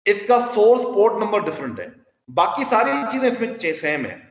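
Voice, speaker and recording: A man's voice: sits high, sing-song, normal speed. A man delivers a classroom lecture, walking through each step by asking questions and answering them himself. The recording sounds dull and lo-fi, with a long echo from a large hall. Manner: explains step by step with rhetorical questions; mixes English technical terms into his speech.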